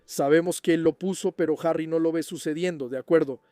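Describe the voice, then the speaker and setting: A man's voice: fairly high pitch, fairly even intonation, a little fast, mellow, dry recording. A man hosting a fan channel, casually answering viewer questions and checking in with the listener as he explains. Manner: chatty, keeps checking in with the listener.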